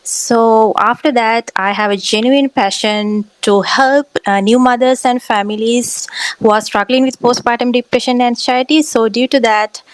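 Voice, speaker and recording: A woman, a pageant guest on a podcast, speaking earnestly and haltingly with frequent fillers. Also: on the high side, fairly even intonation, clear, resonant tone, no room sound. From Sri Lanka. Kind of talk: podcast interview.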